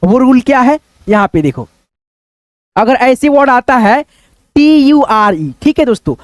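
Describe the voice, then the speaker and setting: A man's voice: extremely high pitch, big pitch swings, unhurried, dry recording. A man teaching English pronunciation rules, asking and answering his own questions and repeating phrases often. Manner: addresses viewers as friends, repeats phrases. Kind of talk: spoken English lesson.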